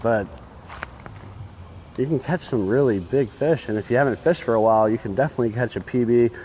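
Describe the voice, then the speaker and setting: A man with a middling-pitched voice talks casually under a bridge outdoors. He rambles informally like a fishing streamer, with modest, opinionated asides. Faint ambient noise runs behind him on the phone recording. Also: fairly quick, dark tone, low-quality recording. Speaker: fishing livestream host. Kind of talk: casual chat while fishing.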